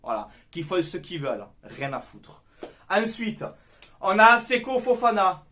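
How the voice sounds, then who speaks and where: A young man vents about his club in a casual football debrief. His voice sits high, and he talks in a heated, sweary rant. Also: very animated, unhurried, pushed and bright. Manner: heated, ranting, swears freely. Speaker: football fan commentator.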